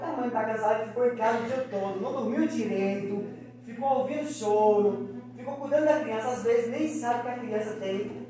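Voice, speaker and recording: A man's voice: extremely high pitch, normal speed. A man giving an informal motivational talk to mothers at a school. He speaks in a chatty way and acts out little family dialogues. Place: large school hall with an audience. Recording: very echoey hall, mic far off, crowd.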